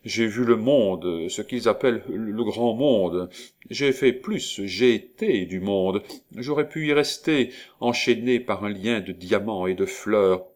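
A man's voice: on the low side, slow. A man doing a haughty, proud noblewoman. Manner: haughty, impassioned. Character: proud defiant young noblewoman.

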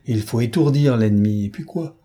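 A man doing a suave, ironic gentleman thief. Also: mid-range voice, normal speed, close to an everyday voice. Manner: polite, ironic, self-mocking.

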